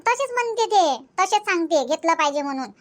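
A woman's voice: very high-pitched, expressive, brisk. A woman voicing a nagging, thrifty old village grandmother in a cartoon. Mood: grumbling. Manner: nagging, sharp-tongued.

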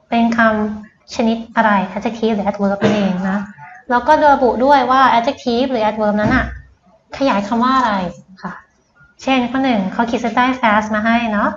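A woman's voice: a little high, a little hiss or hum. A woman tutor giving a patient lesson, quizzing her student step by step and mixing English words into her explanations. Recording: roomy, dull lo-fi sound.

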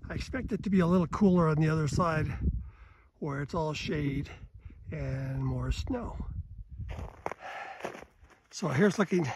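An older man narrating his own winter hike in a relaxed, plain way, recorded outdoors on a phone held at arm's length. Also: a little high, background noise. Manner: relaxed, plain, with fillers and pauses while hiking. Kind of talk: casual narration while walking. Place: outdoors on a snowy mountain trail. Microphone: phone camera held at arm's length.

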